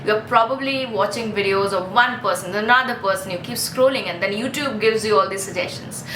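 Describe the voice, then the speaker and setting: Earnest woman in her 30s, slightly high. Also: reverberant, noisy background. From India. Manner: earnest, chatty, frequent restarts and "right?" tags. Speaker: vlogger. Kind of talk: casual self-help talk to camera. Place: Mumbai street with ambient noise.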